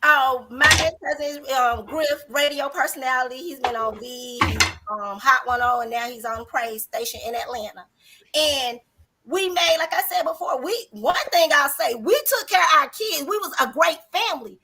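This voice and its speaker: A woman's voice: sits high, moderate pace, pushed and bright, husky, low-quality recording. A woman guest on a talk show, speaking earnestly and preachily about faith and love in casual chat.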